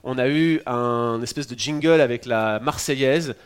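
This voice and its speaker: A man's voice: medium pitch, unhurried, clean tone. A man in his forties from France with a French accent, giving a sermon as pastor in a conversational, teaching way with touches of humor. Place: church in Quebec.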